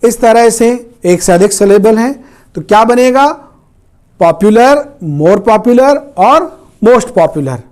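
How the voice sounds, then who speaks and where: Male grammar tutor, high voice, unhurried, drills example words. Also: lively intonation, a little mellow. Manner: slow, repeats words for learners. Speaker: English grammar teacher. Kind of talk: Hindi-language grammar lesson.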